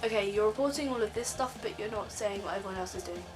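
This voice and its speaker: A woman's voice: medium pitch, quick pace, noisy background. A teenage girl ranting casually in a vlog from her bed, rambling with lots of ums. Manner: rambling, filler-heavy, frequent ums. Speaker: vlogger.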